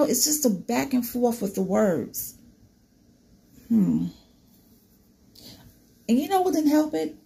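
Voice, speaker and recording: A woman's voice: on the high side, gravelly, dark tone, slightly rough. A woman commentating on a true crime case. She reads from a news report, then talks casually to her viewers, asking them questions and often saying "you know.". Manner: conversational, poses questions to viewers, many "you know" fillers.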